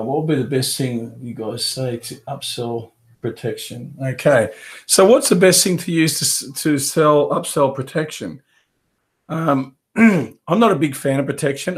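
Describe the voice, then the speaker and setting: A man with a head cold and a fading voice, rambling casually through a live webinar Q&A from his home office. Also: mid-range voice. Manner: casual, rambling, with many fillers and restarts. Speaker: carpet cleaning business coach.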